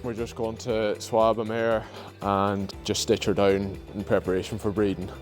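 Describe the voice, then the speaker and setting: A man gives a running commentary on veterinary work as he does it. His voice is low, and music is clearly audible behind it. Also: little pitch movement, moderate pace. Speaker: vet. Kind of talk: commentary while working.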